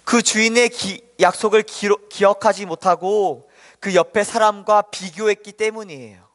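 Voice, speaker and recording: High-voiced man telling a children's sermon. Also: normal speed. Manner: gentle, asks the children questions. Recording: long hall reverb.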